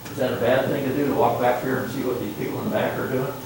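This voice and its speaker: A man's voice: mid-range voice, steady tone, fast talker. An older man teaches a college class while wearing a mask, chatting, asking questions and poking fun at himself. He is picked up from across a roomy classroom, with faint ambient noise behind him. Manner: chatty, asks the class questions, self-joking. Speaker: college instructor. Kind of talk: classroom lecture. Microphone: masked, speaking in a classroom. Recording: roomy classroom sound from a distance.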